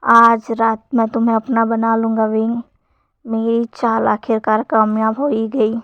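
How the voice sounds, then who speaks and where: A woman's voice: fairly high pitch, little pitch movement, unhurried, no echo. Woman reads possessive schemer, young man, plain storybook delivery, dry and muffled. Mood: scheming. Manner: read in a plain narrating voice, softer when plotting. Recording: dull lo-fi sound.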